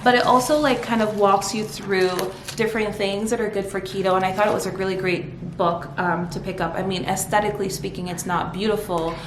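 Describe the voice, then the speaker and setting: A woman's voice: mid-range voice, fairly even intonation, a little fast, few pauses. Woman vlogger, chatty and upbeat, rambling, echoey room, faint noise. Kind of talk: casual vlog chat. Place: home kitchen.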